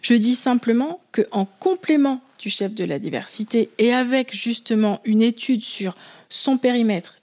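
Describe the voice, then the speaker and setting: A woman, a business founder, explaining her views in a relaxed conversation, measured and hesitant. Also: fairly high pitch. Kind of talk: casual conversational interview.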